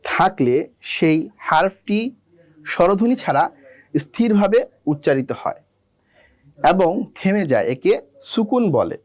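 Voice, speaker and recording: A man teaching the rules of Quran recitation, slowly spelling out letters and drilling their sounds one by one. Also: high-pitched, big pitch swings. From Bangladesh. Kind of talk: slow instructional lesson.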